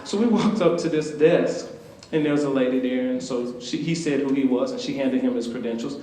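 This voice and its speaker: A man from Atlanta with a Southern US accent, an author telling a lively, humorous story to students and talking straight to the audience. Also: mid-range voice, brisk, slight background noise. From Atlanta, Georgia, US. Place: university event hall. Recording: echoey lecture hall.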